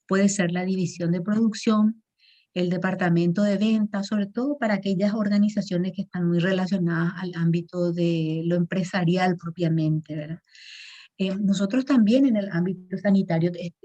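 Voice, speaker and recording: Woman lecturing with a mellow, lo-fi voice. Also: fairly low pitch. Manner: patient, explanatory, checks in with frequent tag questions. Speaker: teacher. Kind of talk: online lecture on management.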